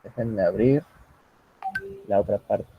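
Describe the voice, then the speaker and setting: A man's voice: fairly low pitch, takes it slowly, dull audio, a little hiss or hum. A man teaching English over a video call, patient and joking, switching between English and Spanish. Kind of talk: online class, bilingual teaching. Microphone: computer mic on a video call.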